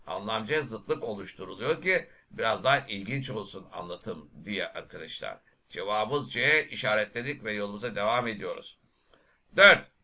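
A man teaching literature for an exam, reading verses aloud and asking his class lively questions he answers himself. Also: fairly low pitch. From Turkey. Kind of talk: exam prep lecture.

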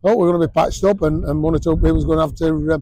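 A man's voice: fairly high pitch, fairly even intonation, racing, warm tone, slight background noise, rough recording. A man, a rugby coach giving a blunt post-match interview outdoors, full of fillers and restarts. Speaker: rugby league head coach. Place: outdoors at a sports ground.

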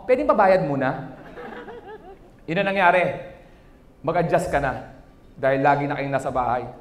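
Male comic, wedding stand-up set, lively and high-pitched, roomy echo. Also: slight background noise. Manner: animated, acts out quoted voices. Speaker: stand-up comedian. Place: wedding reception hall.

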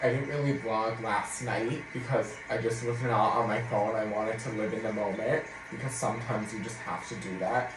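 A man's voice: on the low side, fairly even intonation, moderate pace, few pauses. A young American man in his late teens chatting casually to his vlog in a bubbly, gushing, slangy manner. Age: late teens to young adult. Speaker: vlogger. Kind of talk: casual vlog chat to camera. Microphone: phone at arm's length. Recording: noisy phone vlog audio.

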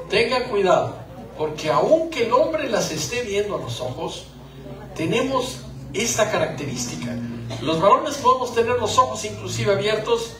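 A man's voice: high-pitched, roomy sound, distant mic, low-quality recording. A man gives a joking live talk to couples about marriage and acts out little scenes. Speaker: conference speaker on marriage.

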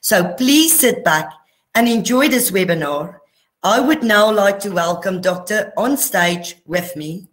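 A woman's voice: medium pitch, expressive, a little slow. A woman hosting an online webinar over a video call, politely reading a formal introduction. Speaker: webinar host. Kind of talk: scripted introduction.

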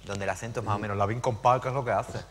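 A man from Argentina speaking as a panelist in a live conversation, animated and digressive with frequent hesitations. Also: on the low side, racing. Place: lecture hall at a public event. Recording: hall reverb, faint background noise.

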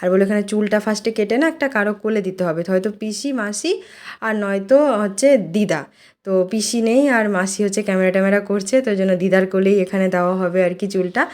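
A woman's voice: medium pitch, steady tone, fast, darkish tone. A woman narrating her family vlog in a chatty, casual way, with many small fillers. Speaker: vlogger and mother.

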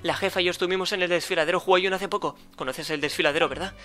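A man with a Spain Spanish accent voicing a cocky, mocking male treasure thief in a game, with quick banter. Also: high-pitched, fairly even intonation, bright, forceful tone. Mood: teasing.

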